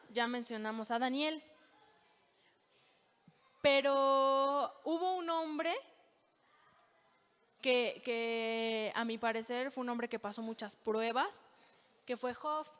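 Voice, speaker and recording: High-voiced woman preaching in an echoing hall. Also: fairly even intonation, a bit bright, smooth. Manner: earnest and emphatic, pausing often. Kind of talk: sermon with Bible reading. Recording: long reverb of a large hall.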